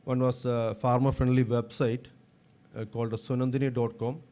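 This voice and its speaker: A man with a Kerala Indian accent giving a formal, halting research talk, his throaty voice held back by a sore throat. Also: mid-range voice, little pitch movement, mellow. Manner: formal, halting with repeated words. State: sore throat, unable to speak loudly. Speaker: guest speaker, veterinarian. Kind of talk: prepared motivational research talk.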